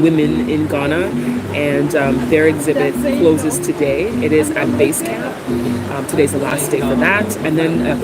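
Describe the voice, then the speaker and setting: A woman with a low voice chats to the camera in a casual vlog, full of ums and restarts. She has a cold and coughs now and then. She's in Ghana, outdoors, and loud traffic and street noise fill the recording.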